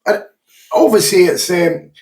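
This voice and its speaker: A Scottish man hosts a casual podcast chat, talkative and quick to swear. His voice sits a little high for a man. It rings back off the walls of an echoey room. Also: animated, darkish tone. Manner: chatty, swears freely. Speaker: podcast host and gym owner.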